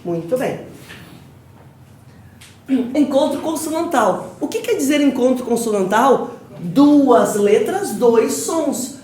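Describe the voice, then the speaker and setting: A Brazilian woman with a Brazilian Portuguese accent gives an exam-prep grammar lecture, firing questions at the class and drilling answers call-and-response style. Her voice is high-pitched and slightly mellow. Captured from a distance in an echoey classroom, the audio has a faint hiss or hum.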